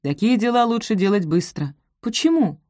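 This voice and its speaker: A woman voicing an affectionate, teasing young man who mumbles in a low, drowsy voice. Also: animated, normal speed, a little mellow, dry recording, studio quality, natural voice.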